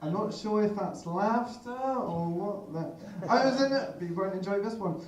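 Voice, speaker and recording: A man performing live stand-up comedy, delivering deadpan one-liners and leading the audience in call-and-response. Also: sits high, moderate pace. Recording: roomy live room, far from mic, crowd noise.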